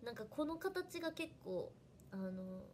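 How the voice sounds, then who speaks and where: A young woman with a Hiroshima dialect chats away on her livestream in a fairly high voice. She is animated and talkative, and she thanks viewers by name as she goes. A faint hiss sits behind her. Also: measured pace. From Fukuoka, Japan. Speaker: idol trainee livestreamer. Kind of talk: casual livestream chat.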